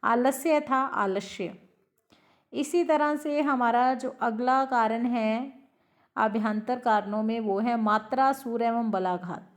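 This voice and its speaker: A woman teacher giving a lecture, who explains slowly, repeats each example word and asks her class questions. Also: fairly high pitch, fairly even intonation.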